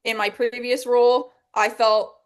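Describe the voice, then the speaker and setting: A woman's voice: fairly high pitch, flat delivery, a little slow. A woman from Vermont, a guest on a casual video-call interview, talking in a bubbly way with frequent laughs and fillers. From Vermont, United States. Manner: bubbly, laughs often, many likes and ums. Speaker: guest, customer success coach.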